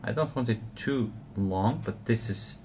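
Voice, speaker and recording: Low-voiced man explaining fly tying. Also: measured pace, a little hiss or hum. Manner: relaxed, explanatory, frequent uh fillers. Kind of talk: step-by-step tutorial narration.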